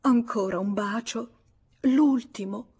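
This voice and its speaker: A woman reading aloud gives voice to a tearful, lovesick older woman who pleads softly with her lover. The voice climbs noticeably higher than the narration and stays husky and breathy. The delivery is tender and clinging, in the style of an audiobook. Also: slow pace. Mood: pleading.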